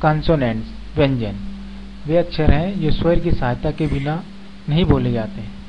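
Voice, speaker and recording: There's music in the background as a man with a slightly high voice, speaking at normal speed, leads a slow spoken English grammar lesson for beginners. Each point gets a step-by-step explanation, and example words are repeated. The recording sounds dull and lo-fi, with faint background noise.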